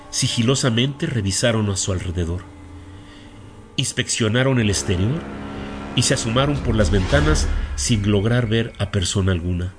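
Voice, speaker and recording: Male storyteller, medium pitch, measured dramatic narration, faint music under it. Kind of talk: scripted narration of a horror story.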